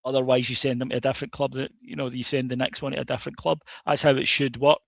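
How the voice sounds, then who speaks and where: A Scottish man co-hosts a football podcast, chatting casually in a hesitant way full of fillers and restarts. His creaky voice sits at medium pitch with little movement, and he talks quickly. The lo-fi recording sounds dull and dry, with no room sound.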